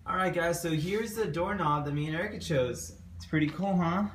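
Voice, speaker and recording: A relaxed, joking man with a slightly high voice, rambling casually as he shows off details of his new house. Clear room noise sits behind him. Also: a little fast. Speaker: vlogger's partner. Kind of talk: casual chat. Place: house under construction, indoors. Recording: noisy room ambience.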